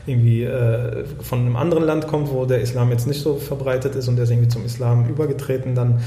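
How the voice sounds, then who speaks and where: A man co-hosting a casual talk show, talking in a halting way with many fillers and restarts. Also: mid-range voice, steady tone, warm tone, reverberant. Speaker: podcast co-host. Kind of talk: casual discussion.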